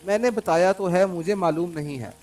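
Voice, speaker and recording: A man's voice: high voice, moderate pace. A man reading an audiobook, raising his voice to play a defiant young woman who leads a spy gang, from a distant mic over faint music. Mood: sulky. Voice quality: pleading, then sulky and sharp.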